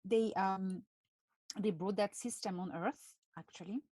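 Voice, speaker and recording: A woman with a French accent, hosting a live stream and talking in a halting way with many pauses and fillers. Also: medium pitch, dark tone, no echo. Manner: halting, many fillers and restarts, laughs often. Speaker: channel host.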